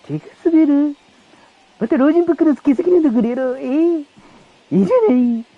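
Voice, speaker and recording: A man voicing a short-tempered male baseball manager who shouts scoldings at his players, heard in a dull lo-fi recording. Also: very high-pitched, brisk, gravelly, dry recording, voice pushed up, heavily acted. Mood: blustering angry.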